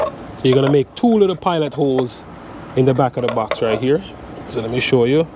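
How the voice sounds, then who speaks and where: Stuffy with a cold, a thirtysomething electrician vlogger explains electrical prep step by step in a relaxed how-to, leaning heavily on "so" and "guys." His medium-pitched voice runs a little fast. He's filmed on a sunny dock by a chest-mounted action camera that picks up traffic and air-conditioning noise.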